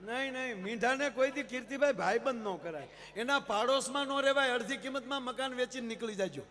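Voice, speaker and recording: A man telling humorous stories to a big live audience, acting out quick exchanges between characters. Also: very high-pitched, big-room sound, a little hiss or hum. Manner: lively storyteller, quick character exchanges, addresses audience as sir. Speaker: folk comedian on stage. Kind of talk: live stage humor storytelling. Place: large stage event.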